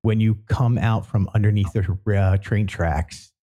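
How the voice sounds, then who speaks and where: A male podcast host with a husky, breathy voice. He talks in a relaxed, chatty way and gets excited as he tells his stories. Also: lowish voice, measured pace. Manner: chatty, enthusiastic storyteller. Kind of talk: casual podcast chat.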